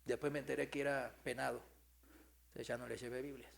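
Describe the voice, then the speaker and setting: A male pastor preaching a sermon, swinging from loud proclaiming to quiet storytelling and putting rhetorical questions to the congregation. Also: mid-range voice, flat delivery, fast, vocal fry, a crowd in the background. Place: church.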